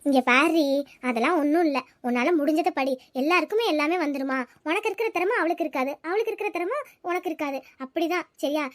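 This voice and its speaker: Cartoon schoolgirl friend, very high and quick, coaxing and lecturing, voiced by a woman. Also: dry recording, lightly acted. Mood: reassuring. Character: caring, talkative village schoolgirl friend. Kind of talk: cartoon voice acting.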